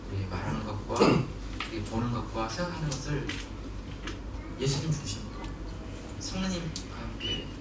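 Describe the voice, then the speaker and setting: Male pastor, animated sermon delivery, distant mic in a noisy echoing sanctuary. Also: medium pitch. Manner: animated, laughing and shouting in bursts. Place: church sanctuary. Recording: echoey hall from far off, noisy.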